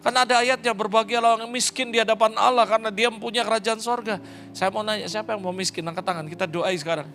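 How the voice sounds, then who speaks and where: Impassioned pastor, higher voice. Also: male voice, steady tone, fast, a little hiss or hum. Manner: passionate, rising to loud high-pitched exclamations, mixing in English phrases. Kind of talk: sermon.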